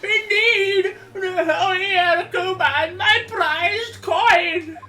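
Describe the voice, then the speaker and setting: A woman voicing an eccentric, fretful old man in a video game, with drawn-out, archaic, theatrical delivery. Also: very high voice, pushed and bright, recorded from a distance, pitched above the performer's own voice, full character voice. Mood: plaintive, theatrical. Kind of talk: video game character dub.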